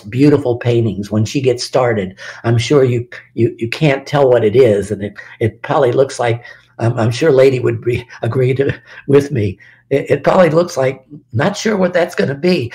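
An older man teaching a Bible study in a slow, deliberate sermon style, leaning hard on key words. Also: medium pitch, a little mellow. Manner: emphatic, lingers on key words, sometimes drops to a whisper.

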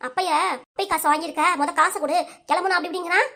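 A woman voicing a middle-aged aunt and mother in a cartoon, speaking with a Tirunelveli Tamil accent and nagging quickly. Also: high voice, a bit bright. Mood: scolding. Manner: pleading then scolding, rapid.

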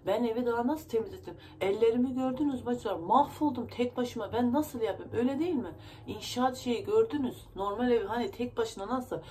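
A woman's voice: on the high side, a little fast, darkish tone, slight background noise. A woman vlogger venting to her viewers in a rambling, emotional way, her nose stuffy from crying. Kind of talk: casual vlog talk to viewers.

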